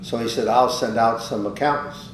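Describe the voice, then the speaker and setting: A man's voice: steady tone, moderate pace. Older man telling rambling stories, roomy. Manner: rambling anecdotes, acts out quoted dialogue. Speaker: interviewee, business owner. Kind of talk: casual storytelling. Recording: roomy, distant mic with faint rumble.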